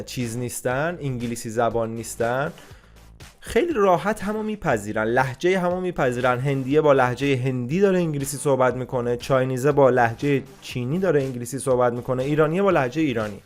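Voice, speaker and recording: A man's voice: medium pitch, lively intonation. A man giving blunt, casual immigration advice, scolding and swearing at times.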